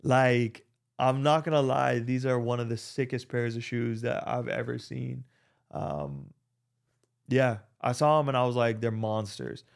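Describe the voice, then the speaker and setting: A man's voice: mid-range voice, measured pace, gravelly. A young man, rambling through a casual vlog with lots of fillers and restarts, into a desk microphone. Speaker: vlogger.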